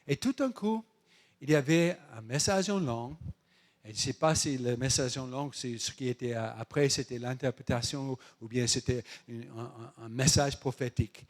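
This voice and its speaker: Animated pastor. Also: male voice, mid-range voice. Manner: animated, humorous, swings from loud to soft. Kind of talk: sermon.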